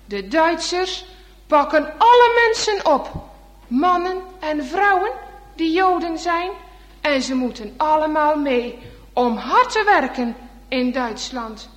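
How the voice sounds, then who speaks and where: A woman voicing a calm, caring mother in a storybook tale, gently explaining things to her son. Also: high-pitched, slow pace. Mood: gentle. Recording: echoey hall reverb.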